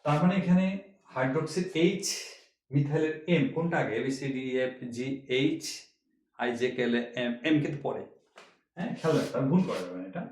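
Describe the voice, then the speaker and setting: A man's voice: fairly high pitch, animated, fairly quick, a little mellow, echoey room. A man teaching chemistry who explains each step, repeats key points and asks the class rhetorical questions. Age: older. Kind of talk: classroom lecture.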